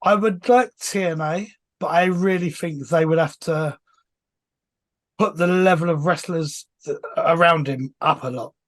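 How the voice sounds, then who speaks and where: Co-host, slightly high pitch, halting, casual podcast talk. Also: male voice, no echo. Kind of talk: casual wrestling podcast chat.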